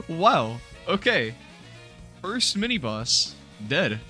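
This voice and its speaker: A young man giving casual, animated let's-play commentary, laughing and swearing often while playing. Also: high voice, very slow, over loud music. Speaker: gaming YouTuber. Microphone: new studio mic.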